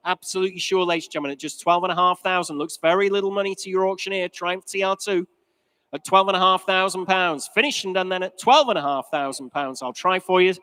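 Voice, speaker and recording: A man's voice: high voice, fast, bright, forceful tone, clean tone. A British man working as an auctioneer, calling bids in formal, courteous patter with repeated figures, like a fine art auctioneer. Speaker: auctioneer at a classic car auction. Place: large indoor auction sale hall. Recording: reverberant sale hall over PA.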